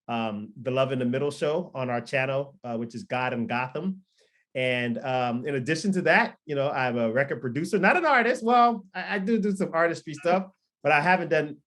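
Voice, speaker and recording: This thirties-aged pastor and record producer, Liberian-born and Florida-raised, has a medium-pitched, slightly bright voice. He gives a relaxed, rambling testimony in a podcast interview, with frequent ums and restarts.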